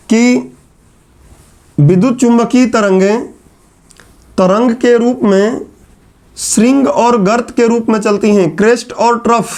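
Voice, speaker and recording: A man with a strikingly high-pitched voice teaches a class at the board. He moves step by step, puts questions to the students and answers them himself. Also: darkish tone. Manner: explains step by step, asks and answers his own questions. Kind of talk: classroom lecture.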